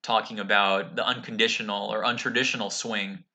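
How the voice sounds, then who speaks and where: A man hosting an unscripted talk about golf, with halting, reflective phrasing. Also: fairly low pitch, little pitch movement, sharp tone. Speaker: host of a golf commentary show.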